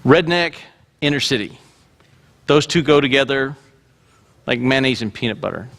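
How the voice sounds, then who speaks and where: A man's voice: mid-range voice, animated, moderate pace, fairly bright tone. A middle-aged man preaching a sermon, telling a self-mocking story. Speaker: pastor.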